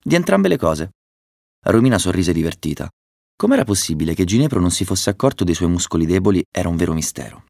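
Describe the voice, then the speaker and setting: A man reading a children's story aloud, narrating with a lively delivery and excited voices for the dialogue. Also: sits low, fast, vocal fry, dry recording, studio quality.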